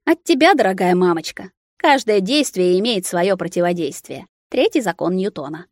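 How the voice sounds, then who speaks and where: A woman's voice: fairly low pitch, lively intonation, moderate pace, dry recording, studio quality. Woman voicing a bitter young man in a wheelchair. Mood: bitter, shouting. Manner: sarcastic, shouting in anger.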